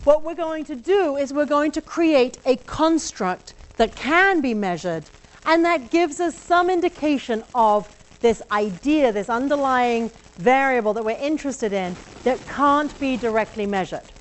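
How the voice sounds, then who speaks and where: Lady lecturer with an accent, fairly high voice, chatty and explaining things to her class. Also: unhurried, low-quality recording. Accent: non-local accent. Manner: conversational, explaining step by step. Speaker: university lecturer. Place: lecture room.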